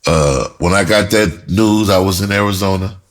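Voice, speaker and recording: A middle-aged American man, a writer and music producer, tells a personal story at a moderate pace in a low voice. He's casual and candid, rambling along with slang and explicit language.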